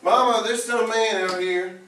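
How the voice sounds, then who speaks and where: A man's voice: sits high, steady tone, a little slow, fairly bright tone, echoey room, distant mic. A man acting as a fussing middle-aged mother in a school play, scolding in a motherly drawl. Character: fussing Southern mother Rose, middle-aged, bossy but loving. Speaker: student actor.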